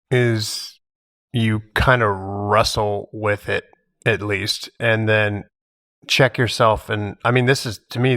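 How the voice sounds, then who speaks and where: A man's voice: lowish voice, fairly bright tone. A man on a casual roundtable, speaking bluntly and giving strong opinions. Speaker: podcast panelist and advantage player.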